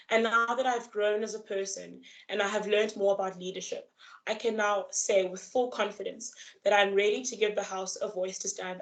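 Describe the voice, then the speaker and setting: A young woman who is a student candidate delivering a prepared campaign speech over a video call, earnest, measured and formal. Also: mid-range voice, rough recording. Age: young adult.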